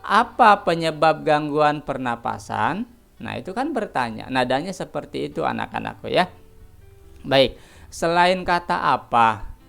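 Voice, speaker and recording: Gravelly-voiced male teacher quizzing his pupils. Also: fairly high pitch, fairly bright tone. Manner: asks the class questions and answers them himself; keeps addressing the pupils as his children. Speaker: primary school teacher. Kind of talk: recorded distance-learning lesson for children.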